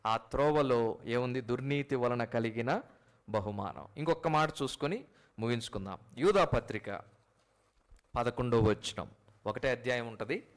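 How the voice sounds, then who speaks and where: A man preaching a sermon, firing rhetorical questions at his congregation and calling out to them directly, swinging from loud high peaks to quiet low endings. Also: measured pace, pauses often. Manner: addresses listeners directly as mothers and fathers. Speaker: pastor.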